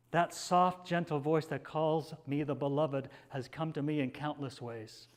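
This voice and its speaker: Soft-spoken male minister giving a sermon. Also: on the high side. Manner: soft and slow at tender lines, rising louder at emphatic ones; drops to a near whisper at quiet moments. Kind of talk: sermon with read passages.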